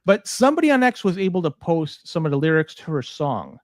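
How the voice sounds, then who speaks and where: A man's voice: on the high side, big pitch swings, fairly quick, no echo, studio quality. A man from Toronto co-hosting a podcast, chatting casually in an exasperated, swearing way. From Toronto, Canada. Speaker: podcast co-host.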